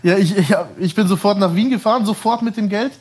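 Man, thirties, slightly high voice, chatty guest who rambles and laughs through his stories. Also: fast, a little mellow, breathy edge. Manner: rambling, laughs often, self-corrects. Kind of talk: casual storytelling.

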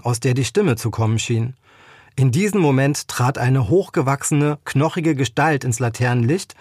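Husky man reading a crime novel. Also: medium pitch, darkish tone, dry recording, clean studio sound. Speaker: author.

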